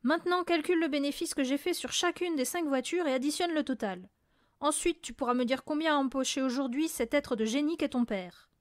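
A woman voicing a boastful, quick-tempered father who brags and then barks and shouts. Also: high-pitched, dry recording, clean studio sound, natural voice. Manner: bragging, then barking and shouting.

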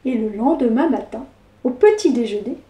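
A woman reading a picture book aloud to children, slow and expressive. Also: a little high. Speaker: storyteller. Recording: echoey room.

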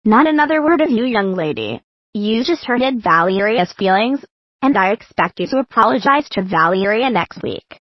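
A female text-to-speech voice playing a stern mother scolding her daughter in an animated video. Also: mid-range voice, normal speed, no room sound, lo-fi sound, lightly acted.

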